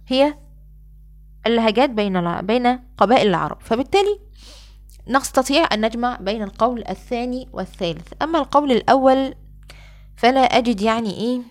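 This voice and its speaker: A woman with an Egyptian accent teaches in a fairly high voice. She explains in a relaxed, conversational way, then slows right down to recite her examples at length. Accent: Egyptian Arabic. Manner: shifts from colloquial explanation to slow, drawn-out recitation of examples. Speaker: Quran sciences teacher. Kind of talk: lecture.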